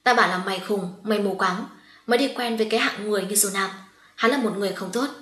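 A woman's voice: medium pitch, fast talker, fairly bright tone, echoey room, close to an everyday voice. A woman voicing a hurt young woman who speaks in a firm, cutting way. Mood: angry. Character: wounded young woman, calm but fierce.

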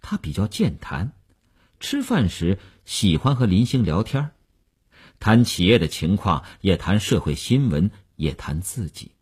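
A male audiobook narrator reading with a steady storytelling manner. His voice is deep and husky, with a very wide, expressive pitch range. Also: measured pace. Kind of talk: scripted narration.

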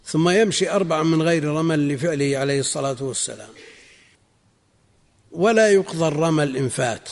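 A man teaching a religious text in a measured, explanatory way, repeating key phrases for emphasis. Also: a little high, a little mellow, big-room sound. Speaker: Islamic scholar teaching a text.

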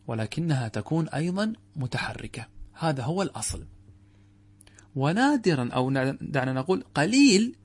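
With a slightly high voice carrying a breathy edge, a man teaches classical Arabic grammar as a sheikh would. He raises questions and supplies the answers himself, repeats key words, and slows down to intone quoted verses.

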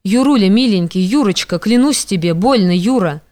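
A woman's voice: medium pitch, lively intonation, moderate pace, darkish tone, close to an everyday voice. A woman reading an audiobook, voicing a frightened young woman who pleads timidly through tears. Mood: pleading.

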